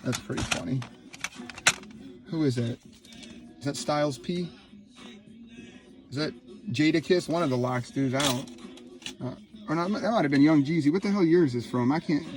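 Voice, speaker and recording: A man in his thirties, from Ohio, filming a casual vlog in his laundry room on a handheld phone, excited and rambling. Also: fairly high pitch, moderate pace, long pauses, faint music behind. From Ohio, USA. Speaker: YouTuber. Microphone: handheld phone, no tripod.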